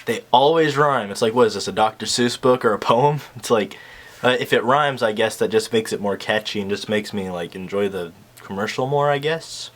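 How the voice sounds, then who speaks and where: A young man with a lowish voice giving rambling, sarcastic commentary on a clip. He talks loosely, full of ums and uhs. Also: moderate pace, fairly bright tone, a little hiss or hum. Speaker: YouTuber reacting to an infomercial. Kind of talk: casual reaction commentary.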